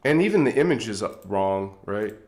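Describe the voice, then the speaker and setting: Lowish, expressive, and a little mellow, the man's voice moves at normal speed and sounds roomy. He hosts a chatty, rambling livestream into a tripod-mounted phone, his nose stuffed up, chuckling frequently.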